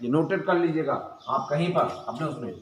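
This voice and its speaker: A man's voice: fairly high pitch, fairly quick, echoey room, rough recording. A male teacher giving a grammar lesson, repeating letters and examples aloud and calling his listeners "my dear student".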